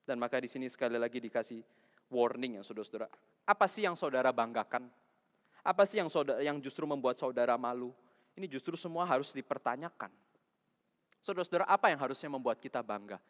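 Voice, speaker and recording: A man preaching a sermon as a vicar, in a colloquial way that swings between loud emphasis and soft asides. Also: medium pitch, animated, fast talker. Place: church sanctuary. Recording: echoey hall, dull lo-fi sound.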